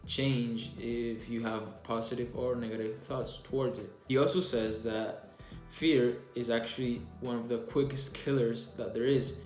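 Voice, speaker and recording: A man's voice: medium pitch, fairly even intonation, a little slow, darkish tone. A young man gives a casual, earnest book review, restarting phrases now and then as he reflects. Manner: earnest, plainspoken, with frequent restarts and self-reflection. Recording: echoey room with faint music underneath.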